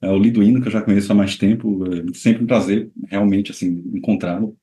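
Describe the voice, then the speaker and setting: Man, 30s, low voice, mellow, rambling, video call, echoey room. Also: fairly even intonation, brisk. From Bahia, Brazil. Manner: warm, rambling with many fillers. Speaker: guest composer. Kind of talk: casual interview over video call.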